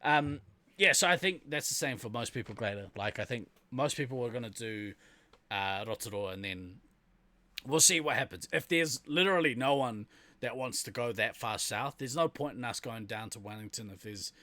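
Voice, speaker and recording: A man's voice: mid-range voice, lively intonation, moderate pace, pushed and bright, no echo. A man with a New Zealand accent co-hosting a podcast in casual, rambling chat, laughing often. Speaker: podcast co-host.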